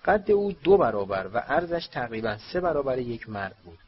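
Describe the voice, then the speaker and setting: A man narrating a storybook audiobook in a steady reading voice, on a dull lo-fi recording. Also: mid-range voice, breathy edge.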